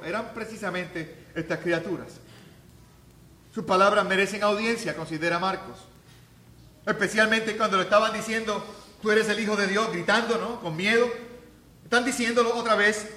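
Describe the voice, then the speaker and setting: A man preaching a sermon as pastor, talking conversationally, then rising to loud, emphatic peaks. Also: high voice, reverberant.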